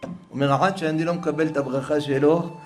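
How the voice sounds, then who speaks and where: Male preacher, slightly high voice, dramatic storyteller, soft music underneath. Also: steady tone. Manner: dramatic, swings from hushed to raised voice. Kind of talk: religious storytelling.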